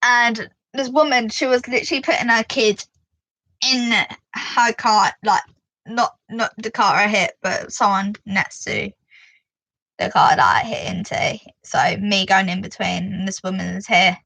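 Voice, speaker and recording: A woman with a British accent telling a driving story to camera in a casual, animated way, full of "like" and "you know.". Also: medium pitch, measured pace, creaky, dry recording, poor audio. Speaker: vlogger giving driving advice.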